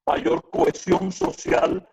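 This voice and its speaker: A man moderating a video panel, his voice coming through choppy call audio on a laptop speaker, halting and repeating himself as the line breaks up. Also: darkish tone, lo-fi sound. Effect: choppy video-call audio, heard through a laptop speaker. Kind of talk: asking panel questions over a video call. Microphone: phone or computer on a video call.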